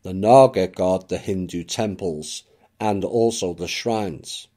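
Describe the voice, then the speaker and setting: A man giving a reflective spoken monologue as a channel narrator, measured and unhurried, with occasional dry asides. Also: low voice, mellow.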